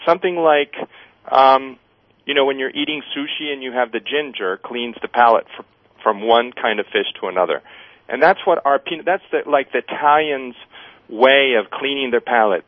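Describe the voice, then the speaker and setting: A man's voice: mid-range voice, no echo. A man with a standard American accent giving casual, anecdotal answers as an interview guest, explaining things step by step. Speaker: guest winemaker. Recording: thin phone-like radio line.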